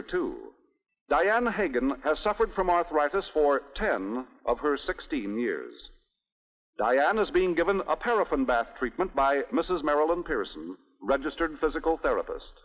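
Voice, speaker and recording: An American man narrating a scripted 1960s newsreel in the presentational manner of an old newsreel narrator, with rhetorical asides. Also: on the high side. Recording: dull 1960s newsreel soundtrack, reverberant.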